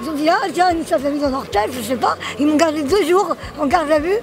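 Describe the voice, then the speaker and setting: A woman's voice: high-pitched, fairly quick. A woman interviewed on a city street, telling what happened in plain, step-by-step words. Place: busy city street outdoors. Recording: crowd noise behind.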